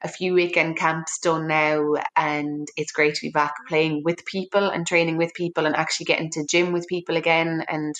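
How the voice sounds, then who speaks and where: Irish woman, West Clare accent, young adult, low voice, flat delivery, chatty and rambling, interview guest. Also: moderate pace, hardly any pauses. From West Clare, Ireland. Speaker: rugby player guest. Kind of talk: casual interview chat.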